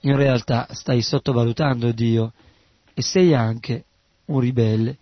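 A man voicing a calm, firm male magistrate who speaks in a measured, steady way. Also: medium pitch, no room sound, muffled recording, natural voice. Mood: admonishing.

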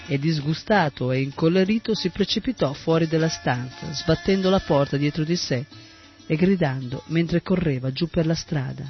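A man narrates a story in a steady, measured reading voice. His voice sits somewhat high. Soft sitar music plays behind him, and the recording is dull and muffled.

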